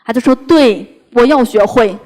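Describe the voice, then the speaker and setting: Woman speaker, lively stage talk on parenting, slightly high voice, acts out conversations. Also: moderate pace. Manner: animated, acts out dialogue with her child.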